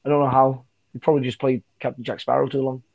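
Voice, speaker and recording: A man's voice: mid-range voice, level tone, fast, vocal fry, a little mellow, no room sound, highs cut off. A young man in casual chat, retelling stories and swearing freely. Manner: storytelling, mimics people, swears.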